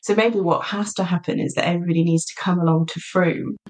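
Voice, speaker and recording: A woman's voice: on the low side, steady tone, fast talker, darkish tone. Chatty, enthusiastic woman podcast co-host. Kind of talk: casual podcast chat. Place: lives in a small market town in south-west England.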